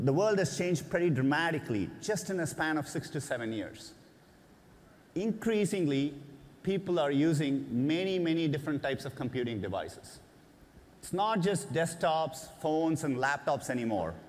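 A man in his forties speaks in a measured, earnest keynote voice, pitched a little high for a man. He talks from a large conference stage over a headset mic. A long reverb from the hall trails his words. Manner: measured, earnest, with occasional "uh" fillers. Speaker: keynote presenter. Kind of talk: keynote speech.

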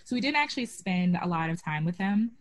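A woman's voice: fairly low pitch, lively intonation, quick pace. A young woman from Boston, a guest on a video call interview, talking casually with lots of "um" and "like". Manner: chatty, many fillers like "um" and "like". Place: small room at home. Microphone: video call webcam.

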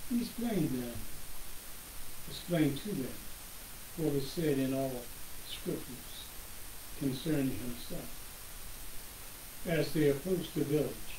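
An older man with a slightly hoarse, rather high voice preaches as a pastor, reading scripture slowly and deliberately and clearing his throat now and then. He sits at a desk in his home office, picked up by a webcam across the room in a roomy recording with hiss.

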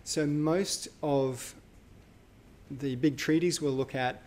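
A man's voice: a little high, steady tone, slow pace, a little mellow. A man giving a live university lecture, talking casually with fillers and self-corrections. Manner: conversational, thinks aloud with fillers and self-corrections.

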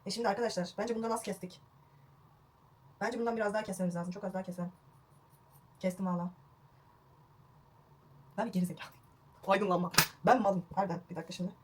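A woman's voice: mid-range voice, steady tone, fast talker, long pauses, slight background noise. A young woman vlogging a home haircut, chatty and self-mocking, recorded on a phone at home. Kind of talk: casual home haircut vlog. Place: at home indoors.

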